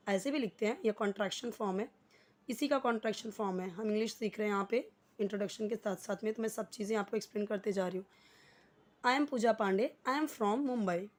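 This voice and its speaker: A woman with an Indian accent teaching an English lesson in Hindi, patiently explaining and slowly repeating example phrases. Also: on the high side.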